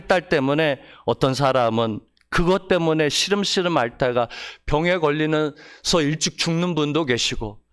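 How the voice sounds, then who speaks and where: A man preaching a Sunday sermon with emotion, using rhetorical questions and dropping from soft, low lines to raised, higher ones. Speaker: pastor. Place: church service.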